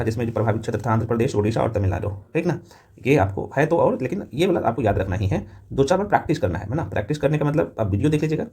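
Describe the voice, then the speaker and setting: A man with a very quick, mellow delivery teaches like an informal tutor. His voice sits at a middle pitch with a slightly husky edge. He keeps throwing short check-in questions at his students as he runs through revision facts. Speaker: teacher of a current affairs exam class. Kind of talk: fast revision lecture to camera.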